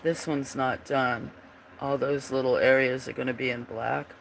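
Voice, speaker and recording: Poor audio with slight background noise captures a man's mid-range, slightly bright, froggy and gravelly voice. Speaking at normal speed in a steady tone, he rambles casually on a livestream about his drawings, drifting off as he searches for pieces.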